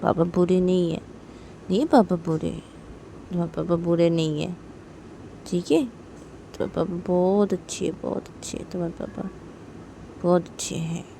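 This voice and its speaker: Woman voicing a soft, soothing mother; gentle, pleading. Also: fairly low pitch, level tone, moderate pace, gravelly, long pauses, a little hiss or hum, pitched below the performer's own voice.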